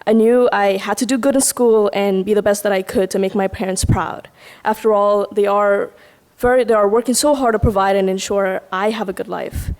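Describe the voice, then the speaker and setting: A young woman from Guyana, a student, reads a prepared personal speech to a room. She delivers it in an earnest, reflective, steady manner, at a medium pitch. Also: moderate pace. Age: young adult. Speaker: student speaker. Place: lecture hall at a summit.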